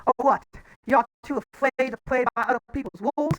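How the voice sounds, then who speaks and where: A man's voice: very high-pitched, brisk, background noise. A man taunting his rival defiantly in a wrestling promo role-play. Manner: defiant, taunting trash talk.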